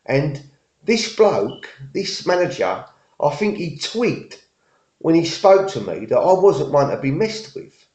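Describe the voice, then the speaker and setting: A middle-aged man, a vlogger, rambles casually through a story, often repeating himself and using working-class slang. His voice is on the high side, sing-song, slow and a little mellow. The room is echoey and the sound dull and lo-fi.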